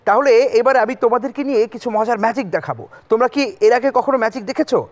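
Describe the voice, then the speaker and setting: Hosting a magic show for children, this man talks fast in an extremely high pitch. His patter mixes storytelling with quick questions for the kids, and music plays in the background.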